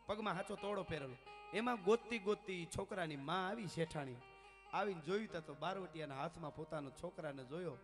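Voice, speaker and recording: A man telling a folk story live, swinging from soft asides to loud declaiming. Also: a little high, a little fast, music in the background. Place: live family function.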